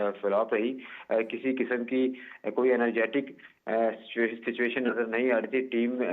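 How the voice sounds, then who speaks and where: A male sports reporter phoning in a measured, formal live report over a phone line that breaks up and cuts out, pausing often with "uh". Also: medium pitch. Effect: phone line breaking up and cutting out.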